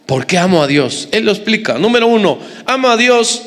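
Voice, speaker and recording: High-voiced pastor preaching. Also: male voice, sing-song, a little fast, a bit bright. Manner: emphatic, repetitive, joking asides to the congregation. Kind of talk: sermon. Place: church hall with congregation. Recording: reverberant church hall.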